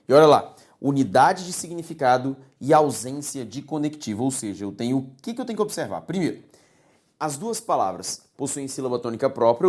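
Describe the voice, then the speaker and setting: A man with a Brazilian Portuguese accent teaching a recorded online grammar lesson, animated and often checking in with his students. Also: on the high side.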